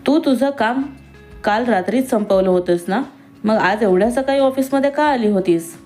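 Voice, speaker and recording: A woman's voice: on the high side, moderate pace, soft background music, lightly acted. A woman voicing a stern, short-tempered male boss. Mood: irritated. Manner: sharp, scolding, raises his voice.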